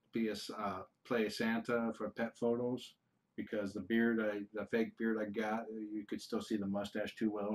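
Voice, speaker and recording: A middle-aged American man with a lowish voice chats casually during a livestream Q&A as a kitten foster streamer, reading out viewer questions. His talk rambles and halts, full of restarts and fillers.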